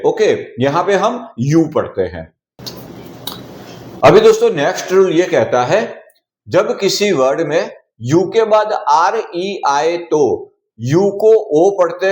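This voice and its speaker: Man, English teacher, slightly high voice, drills example words, echoey room. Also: darkish tone. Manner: repeats example words slowly, asks and answers his own questions. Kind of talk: explaining pronunciation rules.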